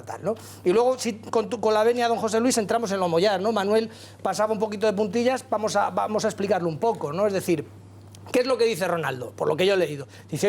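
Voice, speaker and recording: A man with a Spanish accent arguing as a panelist on a political TV talk show, talkative and colloquial, full of rhetorical asides. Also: high voice. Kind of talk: heated TV debate. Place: TV studio.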